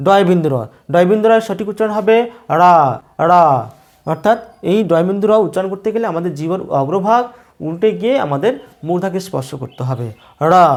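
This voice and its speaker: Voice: medium pitch, a little mellow. Patient teacher repeating each sound. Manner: slow, repeats each sound several times. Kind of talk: pronunciation lesson.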